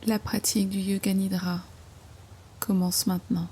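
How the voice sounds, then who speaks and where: Female meditation guide, dark soft tone, level pitch, hushed phrase endings, faint ambient noise behind. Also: little pitch movement, moderate pace, breathy edge. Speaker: yoga nidra guide. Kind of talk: guided meditation, slow soothing instruction.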